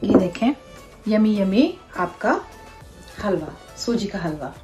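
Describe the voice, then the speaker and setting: A woman's voice: mid-range voice, very animated, slow pace, warm tone. A woman in her thirties hosting a casual home cooking show, walking viewers through each step in her kitchen. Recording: background music under voice.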